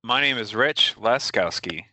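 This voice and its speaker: A man's voice: medium pitch, expressive, measured pace, pushed and bright, no echo. A man giving brief, polite answers as a guest writer over a remote call. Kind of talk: casual interview chat.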